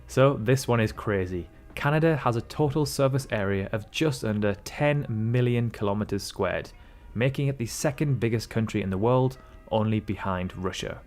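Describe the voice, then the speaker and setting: A video narrator with a voice on the low side and a darkish tone delivers a scripted country comparison. He sounds upbeat and emphatic, with faint music in the background.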